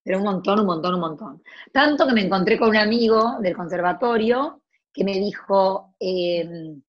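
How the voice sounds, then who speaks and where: A woman's voice: medium pitch, moderate pace, highs cut off. A woman in her forties with a Rioplatense Argentine accent, an actress chatting casually about her life, with many restarts and asides. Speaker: actress guest. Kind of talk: casual storytelling chat.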